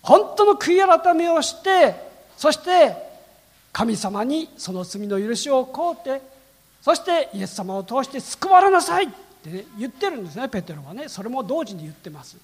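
High, husky-voiced male preacher in a hall. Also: moderate pace. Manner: frequent "ne" tag questions, lively storytelling. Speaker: pastor. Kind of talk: sermon.

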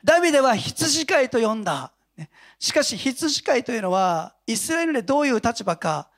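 A male pastor giving a conversational Sunday sermon, telling stories in an animated way and chuckling often. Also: very high voice, brisk. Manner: animated storytelling with frequent chuckles.

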